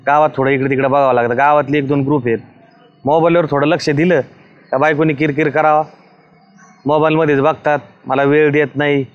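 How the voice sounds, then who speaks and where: A man's voice: fairly high pitch, lo-fi sound. A man playing a village deputy who complains wearily about quarrels at home. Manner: weary, complaining. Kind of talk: rustic comedy web series acting.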